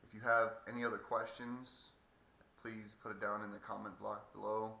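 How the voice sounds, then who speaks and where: A man giving a halting, hesitant casual video update with a sore throat two days after surgery. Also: fairly low pitch, little pitch movement, creaky, sharp tone. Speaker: patient vlogger. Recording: echoey room, faint background noise.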